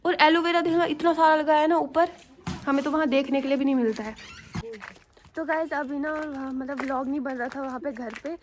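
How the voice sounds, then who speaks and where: A woman's voice: high voice, steady tone, fairly quick, a little hiss or hum. A woman vlogger from Jammu and Kashmir, talking to viewers in a chatty, rambling way and recording herself outdoors on a handheld phone. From Jammu and Kashmir, India. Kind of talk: casual vlog storytelling to viewers. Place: outdoors on a rooftop and at a school ground.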